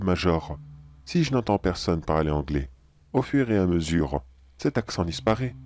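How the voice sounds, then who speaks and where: A man playing a calm, philosophical cannibal anomaly in a horror audio drama, measured and politely menacing. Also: sits low.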